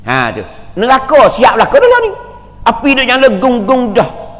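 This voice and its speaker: A man's voice: very high-pitched, wildly swooping pitch, moderate pace, in a large hall. A man preaching a sermon, emphatic and repetitive, asking rhetorical questions. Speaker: religious teacher.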